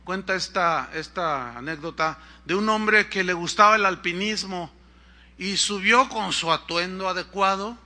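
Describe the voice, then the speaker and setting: Preacher, man, animated storytelling, high pitch, very bright tone. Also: measured pace. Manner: animated storytelling, swings between loud and soft. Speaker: pastor. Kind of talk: sermon.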